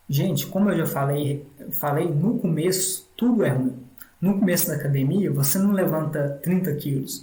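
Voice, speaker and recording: A man's voice: fairly high pitch, a little mellow, roomy sound, low-quality recording. A man with a Brazilian Portuguese accent teaching a step-by-step language tutorial. He is instructive and repetitive, and often adds question tags. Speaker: English teacher.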